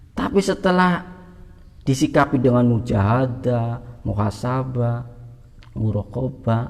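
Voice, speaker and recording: Male preacher, gravelly and mellow, asks and answers his own questions, hall reverb. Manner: asks questions and answers them himself, pitch jumps for emphasis. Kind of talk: religious teaching.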